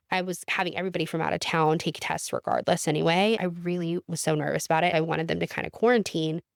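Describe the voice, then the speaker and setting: A woman's voice: lowish voice, gravelly, no room sound, clean studio sound. A young woman telling a personal story in a casual, emotional way, full of "like" and restarts. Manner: emotional, filler-heavy, frequent restarts. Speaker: podcast guest sharing testimony.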